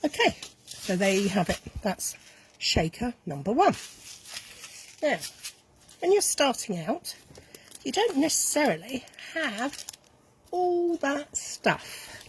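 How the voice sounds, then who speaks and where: A woman walks through a craft project at an unhurried pace, her voice a little croaky. She chats casually and corrects herself as she works with her hands. A faint hiss sits behind her voice. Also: high-pitched, very animated. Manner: chatty, self-correcting, talks while working with hands. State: slightly croaky voice. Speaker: craft tutorial host. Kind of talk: casual step-by-step craft demonstration.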